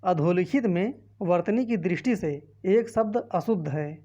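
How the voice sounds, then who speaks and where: Lively intonation marks this fairly low, warm female voice at a moderate pace, recorded muffled. She is an exam-prep teacher with a Hindi-speaking north Indian accent, reading quiz options aloud one after another and explaining every answer.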